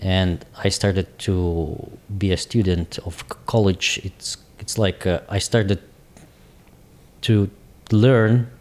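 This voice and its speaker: Russian guy in his 40s, slow careful english, kinda low voice, guest on a podcast. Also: steady tone, darkish tone. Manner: halting, searching for English words. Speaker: guest, business owner. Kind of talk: casual interview talk.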